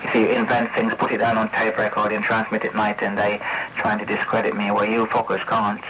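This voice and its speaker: Over CB radio, a male operator rambles through a confrontational, sweary monologue, repeating accusations and firing off challenging tag questions. His lowish voice is brisk and fairly bright with a completely flat delivery, captured on a noisy, muffled CB tape.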